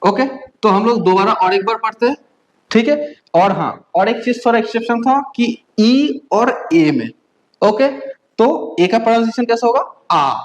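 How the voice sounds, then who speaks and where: A woman from India teaching a beginner German lesson. She drills letter sounds slowly and keeps checking that the learners follow. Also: fairly high pitch, lively intonation, rough recording. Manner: patient drilling, frequent "okay?" check-ins, slow spelled-out letters.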